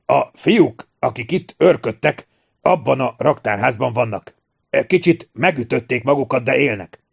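A man voicing a cheeky old male pirate captain who calls out loudly, in an audiobook reading. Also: mid-range voice, animated, vocal fry, slightly rough, heavily acted. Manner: loud hearty calls, raised voice.

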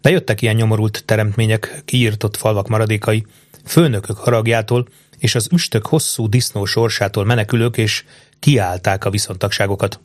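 Low-voiced man reading a novel. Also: dry recording. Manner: steady, measured reading of a novel. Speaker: audiobook narrator. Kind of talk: scripted narration.

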